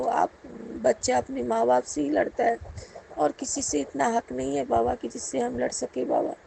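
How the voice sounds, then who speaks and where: Gravelly, high-pitched woman pleading in prayer. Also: dark tone, a little hiss or hum, low-quality recording. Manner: pleading, repeatedly addressing the guru. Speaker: devotee sharing a personal prayer. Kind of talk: spoken devotional prayer.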